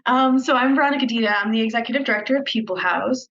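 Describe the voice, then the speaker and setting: A woman's voice: fairly high pitch, fast talker, a bit bright. A woman, head of a nonprofit, answering interview questions over a video call in a friendly, chatty, self-deprecating way. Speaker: nonprofit executive director. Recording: dull video call audio.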